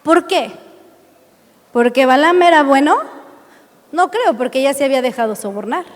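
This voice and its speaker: A woman's voice: high voice, animated, normal speed. A woman with a Mexican accent preaching a sermon, emphatic and full of rhetorical questions. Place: church hall. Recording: reverberant church hall.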